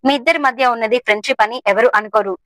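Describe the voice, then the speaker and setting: Defiant young wife, as a woman reads her, firm, cutting, bright voice. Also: on the high side, fast talker, no room sound, lightly acted. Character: wronged young wife, hurt but defiant.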